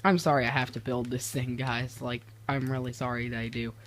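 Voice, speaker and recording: A man's voice: mid-range voice, flat delivery, a little fast, a bit bright, a little hiss or hum. A teenage boy casually commenting on his game builds, rambling and restarting his sentences, easily exasperated. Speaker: gaming video creator.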